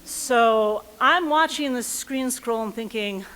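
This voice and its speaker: An American woman in her thirties tells a personal story live on a theater stage before an audience. Her fairly high, slightly bright voice moves slowly as she acts out voices and thoughts with comic timing.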